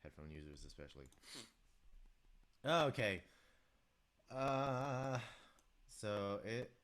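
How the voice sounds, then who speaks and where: Deep-voiced man with a stuffy nose. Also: sing-song, takes it slowly, a bit bright. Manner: chatty, talks to viewers and reads their chat aloud. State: sore throat. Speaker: music composer streaming live. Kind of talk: casual live-stream commentary while composing.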